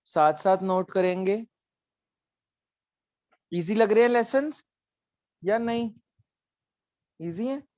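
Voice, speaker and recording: A man leads a live online class, explaining each letter patiently and checking that students follow. His voice sits a touch high and sounds close and dry. The call audio comes through dull and lo-fi. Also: lively intonation, slow, pauses often, a little mellow, dry recording. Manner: patient, coaxing, mixes in English phrases. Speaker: online language teacher.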